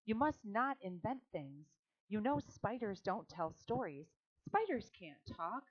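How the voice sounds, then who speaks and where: A woman's voice: medium pitch, sing-song, a little slow, breathy edge. A stern, worried farm mother, as a woman reader puts her on, firm and scolding with her daughter. The storybook reading sounds dull and lo-fi.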